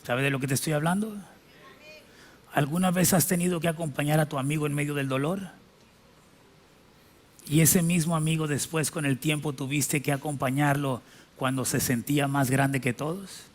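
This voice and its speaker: A middle-aged pastor preaching a sermon emphatically, with slow, drawn-out phrases and spelled-out words. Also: male voice, on the high side, fairly even intonation.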